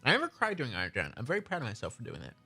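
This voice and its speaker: A man's voice: mid-range voice, huge pitch swings, very fast, pushed and bright, husky, soft background music. A man co-hosting a podcast in casual chat, rambling and correcting himself as he goes. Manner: rambling, restarts, self-correcting. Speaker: podcast co-host.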